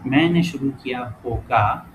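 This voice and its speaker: The speaker is a man teaching languages in a casual lesson, medium in pitch. He thinks aloud over the exercises, corrects himself regularly, and reads sample words at a slow pace. Clear background noise is in the recording.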